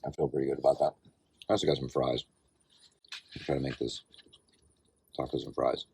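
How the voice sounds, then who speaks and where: A very deep, gravelly male voice, worn out and sore, chatting in a loose, meandering way into a handheld camera outdoors. He pokes fun at himself and keeps the talk relaxed. A faint hum of noise sits behind him. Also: a little fast. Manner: rambling, laid-back, self-deprecating. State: tired and sore. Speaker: vlogger and amateur cyclocross racer. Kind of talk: casual video diary.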